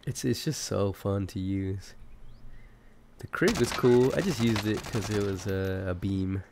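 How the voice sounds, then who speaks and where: A man doing laid-back, rambling commentary over his old gameplay while sick and clearing his throat. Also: on the low side, unhurried, noisy background. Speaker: gaming commentator.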